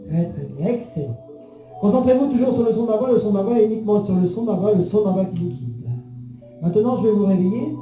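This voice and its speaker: A man's voice: high-pitched, mellow. A man leading a guided hypnosis session in a soothing, repetitive, suggestive manner. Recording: roomy echo under music.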